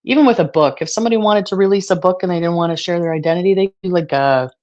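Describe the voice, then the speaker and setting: A woman being interviewed, talking casually in a halting way with many fillers, at times choked up with emotion. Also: lowish voice, darkish tone, lo-fi sound. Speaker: guest.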